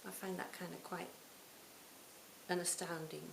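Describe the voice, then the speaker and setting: A woman in her sixties giving a reflective Buddhist talk to a retreat audience, her phrases often trailing off softly. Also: lowish voice, flat delivery, unhurried, creaky. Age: 60s. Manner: reflective, warm storytelling with soft trailing phrase ends. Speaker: Buddhist teacher. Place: retreat hall. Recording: roomy hall, faint hiss.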